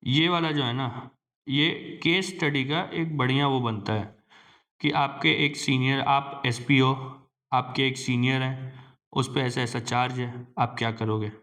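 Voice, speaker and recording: A man's voice: mid-range voice, fairly even intonation, a bit bright. Man casually explaining news for exam prep. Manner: reads English headlines slowly, then explains casually in Hindi. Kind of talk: casual lecture reading news headlines.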